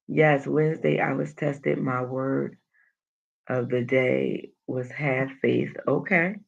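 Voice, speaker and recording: A woman's voice: extremely low pitch, creaky, slightly rough, lo-fi sound. A woman hosting a motivational livestream, coaching listeners and responding to comments, with an emphatic manner that leans on repeated phrases. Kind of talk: motivational livestream talk, reading and answering comments.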